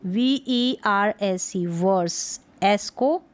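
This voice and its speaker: Slow, patient woman teaching pronunciation. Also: medium pitch, smooth. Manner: spells out letters and repeats words slowly. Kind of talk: slow explanatory lesson in Hindi.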